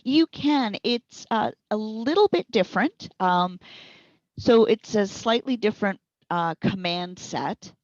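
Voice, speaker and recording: This speech recognition consultant and trainer has a mid-range, darkish, animated voice and doesn't rush. She gives practical, step-by-step explanations backed by examples during an interview, captured on a lo-fi recording without echo.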